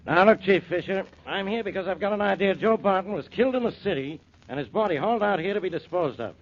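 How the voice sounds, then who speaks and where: Blustery radio police inspector, highish voice. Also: male voice, animated, fast talker, soft background music. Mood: brusque. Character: Inspector Faraday, blustery irritable city police inspector. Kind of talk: 1940s radio drama acting. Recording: muffled, noisy 1940s radio broadcast.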